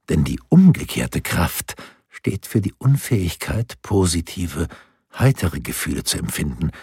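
A man voicing a calm, alluring woman who reads cards in an audiobook, speaking in a husky, measured way. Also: very deep voice, dry recording, studio quality, exaggerated voice. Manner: measured, advising. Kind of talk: audiobook character voice.

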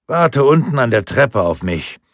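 A man's voice: mid-range voice, big pitch swings, unhurried, no echo, clean studio sound, voice pushed up. A man voicing a mild, fond old grandfather in an audiobook. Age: older. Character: gentle doting old grandfather.

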